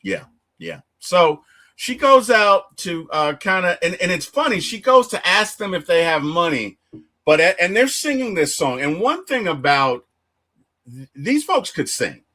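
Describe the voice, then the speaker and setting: A man hosting a casual movie review chat, retelling the plot with animated storytelling and acting out the characters' lines. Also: sits high, measured pace. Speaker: movie review podcast host.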